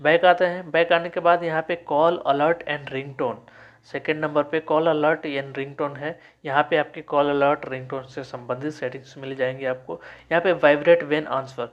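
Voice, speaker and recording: A man giving a step-by-step phone settings tutorial, reading menu labels out slowly and correcting himself often. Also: fairly high pitch, highs cut off. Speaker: tech tutorial host. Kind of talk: screen-recorded phone settings walkthrough.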